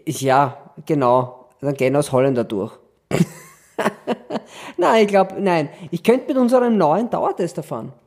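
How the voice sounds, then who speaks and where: A man's voice: a little high, big pitch swings, slow, a little mellow. A man hosting a casual podcast chat, joking and laughing often. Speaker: podcast host.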